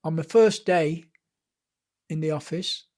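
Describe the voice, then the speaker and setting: An older man from Blackpool, a guest telling lively stories in an interview and acting out what others said. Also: on the high side, a little slow. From Blackpool, England. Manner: lively storyteller who acts out what others said. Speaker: guest author. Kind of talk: anecdotal storytelling in an interview.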